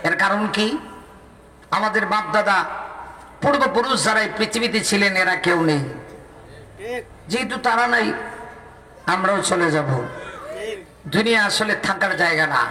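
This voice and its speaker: A man from Bangladesh preaching a fiery sermon at an outdoor religious gathering, calling out to the crowd for answers and building to near-shouting peaks. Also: sits high. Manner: rousing, calls out to the crowd for replies; rises to near-shouting climaxes. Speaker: Islamic preacher. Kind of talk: fiery open-air sermon. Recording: echoey public address from a distance.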